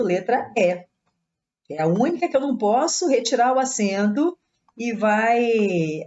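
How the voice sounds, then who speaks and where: A woman's voice: fairly high pitch, dull audio. A Brazilian woman teaching Portuguese grammar in an exam-prep lesson, explaining each step and checking in with her students as she goes.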